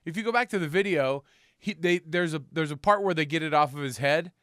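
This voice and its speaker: A man's voice: on the high side, brisk, a bit bright, smooth, no echo, clean studio sound. A man co-hosting a casual comedy talk show, sarcastic and fond of acting out quoted lines. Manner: sarcastic, acts out quotes in exaggerated voices. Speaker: podcast co-host.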